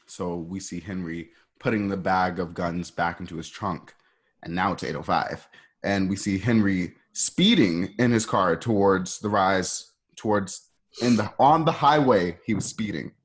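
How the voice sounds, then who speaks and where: At a measured pace, a man with a low, breathy-edged voice reads out stage directions in a live table-read of a radio play's screenplay. His delivery is informal and conversational, with asides aimed at listeners.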